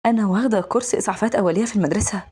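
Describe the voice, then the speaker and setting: A woman's voice: mid-range voice, racing, darkish tone, slightly rough, natural voice. A woman voicing a clingy young woman orphan in Egyptian Arabic, sweet and pleading.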